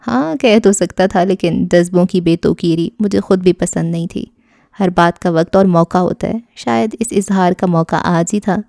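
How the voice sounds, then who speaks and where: A woman's voice: lowish voice, gravelly, warm tone, no echo, studio quality. A woman doing a teasing young suitor. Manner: teasing, confident.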